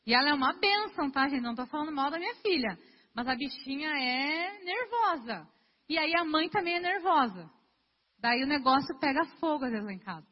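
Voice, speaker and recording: A woman's voice: sits high, animated, fast. A young woman giving a sermon in an earnest, conversational way, talking straight to her congregation. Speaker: preacher. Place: church hall. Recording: dull lo-fi sound with long hall reverb.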